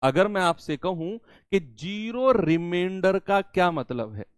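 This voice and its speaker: A man whose voice sits high teaches students a maths lesson at a measured pace, expressive and clean-toned, recorded with studio quality and no room sound. He asks questions and answers them himself, repeating each key term twice, in two languages.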